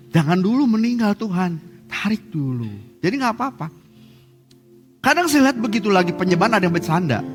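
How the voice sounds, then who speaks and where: Pastor preaching, high lively voice, big echoey church, faint music behind. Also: male voice. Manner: lively preaching with humor and acted-out quotes. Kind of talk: sermon. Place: church hall. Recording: church service with hall reverb and faint music.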